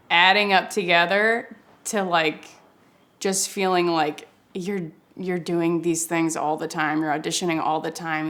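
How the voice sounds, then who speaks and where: Woman, lowish pitch, actor, casual reflective interview, halting, fragmented, searching for words. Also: a bit bright.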